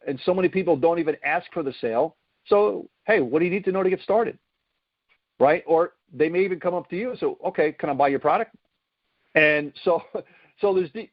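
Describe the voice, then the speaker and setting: A man's voice: a little high, dry recording. Emphatic male sales coach, dull lo-fi sound. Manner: emphatic, peppers points with "right?" and "okay?". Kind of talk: motivational online lesson.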